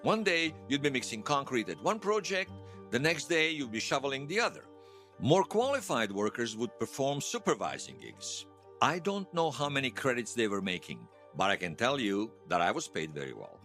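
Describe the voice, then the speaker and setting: Soft background music accompanies a man's mid-range, sing-song and slightly bright voice at a moderate pace. He's an actor portraying a folksy Bosnian storyteller being interviewed in an audio drama, explaining his past wryly and peppering it with colourful folk sayings.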